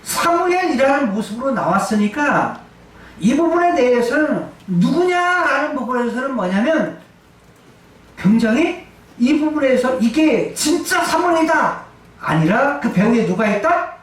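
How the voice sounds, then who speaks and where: A man's voice: very high voice, big pitch swings, a little slow. A male pastor preaching a sermon, emphatic, asking and answering his own questions. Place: church sanctuary. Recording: echoey church hall, distant mic.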